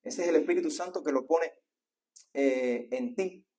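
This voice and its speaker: A man's voice: a little high, moderate pace, warm tone. A man with a Cuban accent preaching a sermon to his church, asking the congregation question after question and often tagging an "¿eh?". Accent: Cuban Spanish. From Cuba. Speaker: pastor.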